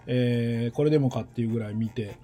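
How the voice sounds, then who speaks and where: A man in his forties from western Tokyo, speaking standard Japanese with a Kansai tinge, talks to nursery teachers in a casual solo monologue, rambling and thinking aloud with many pauses. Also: medium pitch, warm tone.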